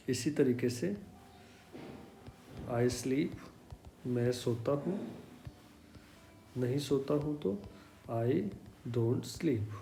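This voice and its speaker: A man teaches a basic English lesson, walking through each example slowly and repeating it patiently. His voice is soft and mellow. The recording carries a roomy echo and a faint background hum. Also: medium pitch. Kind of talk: slow explanatory language lesson. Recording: echoey room with faint hum.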